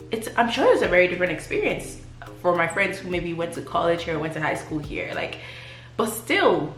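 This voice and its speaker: A woman from Africa, a nurse, recounts her work experiences in a chatty, expressive vlog manner, leaning on fillers. Her voice sits a little low for a woman. The sound is roomy, with faint music underneath. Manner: conversational, expressive, frequent "like" fillers. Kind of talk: casual storytelling vlog.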